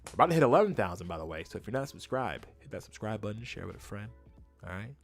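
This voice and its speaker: A man hosts a casual livestream with faint music in the recording. His pitch moves around a lot as he makes his points. He speaks emphatically and opinionatedly, often saying a phrase twice to drive it home. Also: sing-song, quick pace, creaky. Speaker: YouTube host and streamer.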